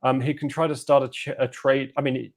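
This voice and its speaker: A man's voice: medium pitch, little pitch movement, fast talker. A man, a guest analyst, giving sardonic, analytical answers in a political discussion interview.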